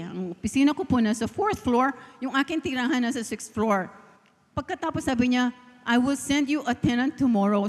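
A middle-aged woman from the Philippines with a Filipino accent, giving a heartfelt sermon testimony and slipping in English phrases. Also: sits high. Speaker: preacher. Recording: long reverb of a hall.

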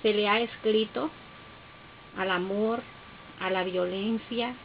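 A woman poet from Honduras speaking slowly and solemnly from a podium on a festival stage, recorded on a camera out in the hall. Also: medium pitch, fairly even intonation, gravelly, slight background noise. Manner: slow, solemn and declamatory. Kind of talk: poetry recital speech. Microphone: podium mic, camera far off in the hall. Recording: dull lo-fi camera audio with loud music.

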